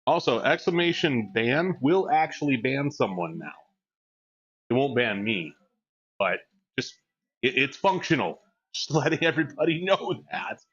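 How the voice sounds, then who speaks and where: A man's voice: medium pitch, sing-song, unhurried, fairly bright tone, husky. A man in his forties chatting casually on a live stream, joking and reading chat aloud. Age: 40s. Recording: dull lo-fi mic.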